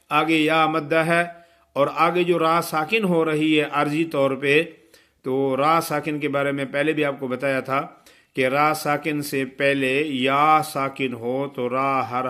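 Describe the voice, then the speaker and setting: A man giving a tajweed lesson, explaining pronunciation rules and reciting verses slowly and melodically to show them. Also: medium pitch, little pitch movement, sharp tone. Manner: imitates common mistakes to correct them. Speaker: Quran recitation teacher.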